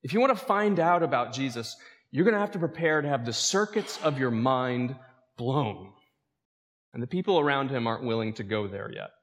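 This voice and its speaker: A man's voice: medium pitch, normal speed, in a large hall. A male pastor preaching a sermon, calling out questions to his congregation. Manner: lively preaching with calls to the congregation.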